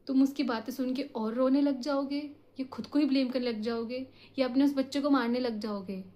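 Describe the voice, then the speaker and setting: A woman's voice: high voice, fairly even intonation, brisk, highs cut off. A woman giving a heartfelt motivational talk, mixing Hindi and English, coaxing and intimate, often dropping to a whisper. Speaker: motivational speaker.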